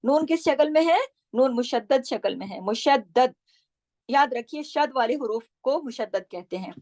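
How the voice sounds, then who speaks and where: A woman teaching Quran recitation rules, patiently explaining and slowly repeating syllables to model each sound. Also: high voice, expressive, a little mellow, dry recording. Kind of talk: tajweed lesson, explaining pronunciation.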